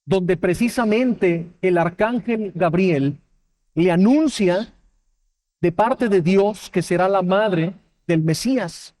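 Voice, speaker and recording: Slow and high-voiced with a darkish tone, this man from Mexico is a Bible teacher giving a sermon. He recounts a personal testimony full of emotion, acting out each line of dialogue.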